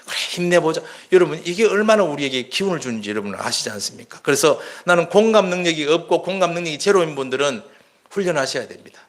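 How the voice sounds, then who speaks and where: A man's voice: on the high side, animated, fast. A male pastor, preaching in an earnest, conversational way. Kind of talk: sermon.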